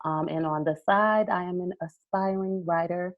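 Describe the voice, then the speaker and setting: A woman's voice: lowish voice, normal speed, muffled recording. A woman in her thirties, a podcast guest speaking in an easygoing way with light fillers. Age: 30s. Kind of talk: casual podcast chat.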